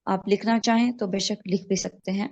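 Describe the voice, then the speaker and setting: A woman's voice: medium pitch, fairly even intonation, darkish tone, dull audio. Patient woman teaching Quran recitation. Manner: patient, instructive, models recitation slowly. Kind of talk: online tajweed class.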